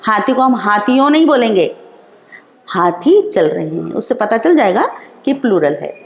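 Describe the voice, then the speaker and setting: A woman teacher, explaining slowly and repeating each example in an online class lesson. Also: mid-range voice, sing-song. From India. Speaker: school teacher. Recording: roomy echo.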